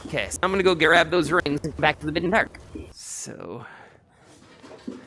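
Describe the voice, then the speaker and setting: A man's voice: on the high side, lively intonation, moderate pace, sharp tone. Man muttering over his gameplay. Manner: rambling, talks to himself while playing. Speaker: streamer. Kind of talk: casual game commentary.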